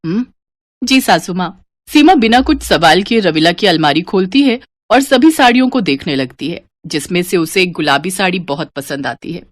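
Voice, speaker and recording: Woman narrator for a cartoon story, lively melodic delivery, dry close sound. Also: lowish voice, normal speed, hardly any pauses, no room sound. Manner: expressive, storytelling.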